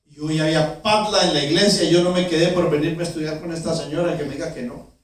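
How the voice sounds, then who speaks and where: A woman's voice: deep voice, fairly even intonation, fast, lightly acted. A man doing an earnest churchwoman, echoey and distant. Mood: fretful. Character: anxious devout churchwoman, earnest and eager.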